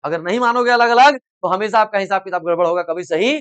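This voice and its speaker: तेज़, ऊँची आवाज़ में पढ़ाता शिक्षक. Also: male voice, high-pitched, fast talker, fairly bright tone, smooth, dry recording. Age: middle-aged. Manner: repeatedly asks "samajh mein aa raha hai?" and prods students to answer; explains in simple Hindi with everyday examples. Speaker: commerce coaching teacher. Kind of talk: classroom lecture. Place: coaching classroom.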